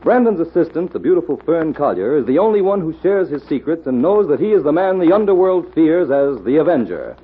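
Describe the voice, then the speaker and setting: A man's voice: on the high side, very animated, fairly quick, few pauses, a little hiss or hum. A man announcing an old-time radio mystery in a dramatic, declamatory and portentous style. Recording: tinny, phone-like old radio recording.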